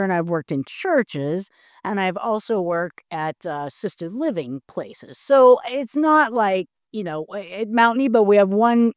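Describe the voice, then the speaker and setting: A woman pastor delivers a sermon in a slow, unhurried way with strongly varied pitch. Her storytelling is animated and full of restarts. The sound is dry and close. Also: no echo.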